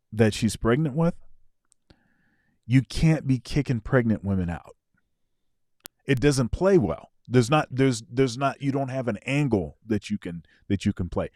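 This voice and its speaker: A man co-hosting a casual reaction chat, working through his points slowly and circling back on his own words. His voice sits in a middle pitch. It sounds dry and close, with no room echo. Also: mellow. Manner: rambling, repeats words while explaining. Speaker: co-host.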